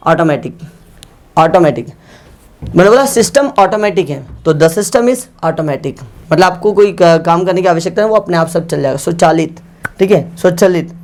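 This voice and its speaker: Man teaching vocabulary, slow example sentences. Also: high voice. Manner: spells out English example sentences slowly, word by word; addresses learners as friends, repeats words for practice. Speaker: English teacher. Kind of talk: vocabulary lesson.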